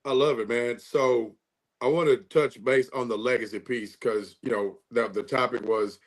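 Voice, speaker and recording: Measured middle-aged man on football. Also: medium pitch, steady tone. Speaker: sports show co-host. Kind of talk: reflective sports talk.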